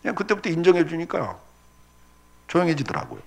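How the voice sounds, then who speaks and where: A man's voice: a little high, wildly swooping pitch, a little fast, creaky. A middle-aged male pastor preaching a sermon, telling stories with acted-out quotes and laughter.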